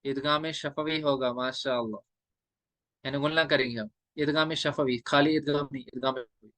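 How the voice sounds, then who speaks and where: A male teacher explaining recitation rules step by step, drawing out letters in slow chanted examples. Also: mid-range voice, steady tone, fairly bright tone, no echo. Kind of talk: classroom lecture on recitation rules.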